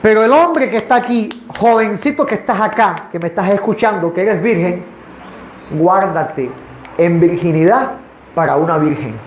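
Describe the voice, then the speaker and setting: A man with a high-pitched voice preaches a sermon, asking his congregation rhetorical questions. The recording is echoey and dull, with faint noise underneath. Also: lively intonation, normal speed. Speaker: pastor. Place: church in front of a congregation.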